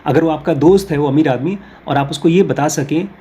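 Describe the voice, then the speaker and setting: Husky, higher-pitched man teaching. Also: dark tone. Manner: reads English lines slowly, then explains them in Hindi; explains with everyday examples and role-play scenarios. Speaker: spirituality course teacher. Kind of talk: explanatory talk in Hindi with English phrases.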